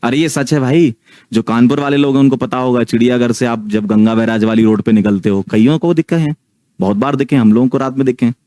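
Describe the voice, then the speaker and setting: A man's voice: mid-range voice, steady tone, fast talker, dark tone, no echo. Chatty male teacher telling a ghost story. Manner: chatty, keeps checking in with listeners. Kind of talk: casual spoken storytelling to online students.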